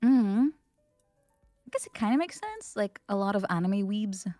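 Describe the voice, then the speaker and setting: Woman host, casual chat stream, giggly, mid pitch, dry sound. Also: very animated, a little slow, mellow, no echo, soft background music. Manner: giggly, with many laughs and restarts.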